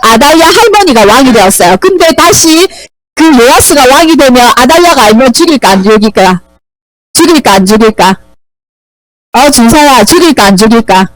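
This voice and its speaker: A woman's voice: high voice, expressive, normal speed, rough recording. A woman teaching Sunday school, animatedly telling a Bible story and quizzing the children.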